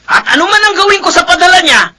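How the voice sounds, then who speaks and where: A man voicing an arrogant, hard-drinking son-in-law in a radio play, his voice very high, very bright and lively. He talks back with insolent defiance. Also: quick pace, exaggerated voice. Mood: defiant. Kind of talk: radio drama acting.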